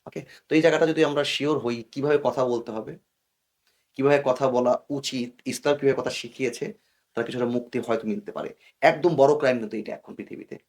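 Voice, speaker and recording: A man's voice: medium pitch, brisk, darkish tone. A man from Bangladesh, a guest in an interview, explaining in earnest, cautionary tones and mixing English words into his speech. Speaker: guest expert.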